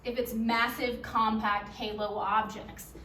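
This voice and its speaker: Higher-voiced young woman, echoey and distant. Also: flat delivery, a little slow, bright, forceful tone. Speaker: physics student. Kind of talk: explaining physics in a student skit. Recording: echoey room, distant mic, faint noise.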